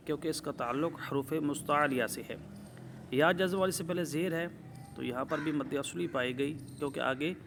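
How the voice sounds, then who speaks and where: A man's voice: medium pitch, creaky, background noise. Methodical man teaching Quran recitation rules. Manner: methodical, explains rules step by step, checks with "ٹھیک ہے؟"; drawn-out slow demonstrations of recited words. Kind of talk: tajweed lesson.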